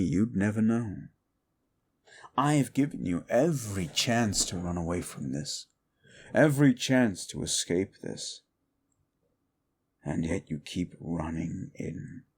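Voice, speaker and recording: Slow and bitter, a man's deep, gravelly voice brings a brooding, scornful fallen demon to life in an audio roleplay. His tone is darkish, and he performs it as a full character voice.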